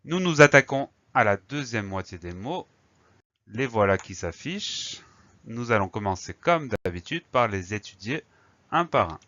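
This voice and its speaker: A man's voice: fairly low pitch, sing-song, moderate pace, a bit bright, no echo, muffled recording. A man teaching a spelling lesson for children, patient, spelling words out letter by letter. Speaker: primary school teacher.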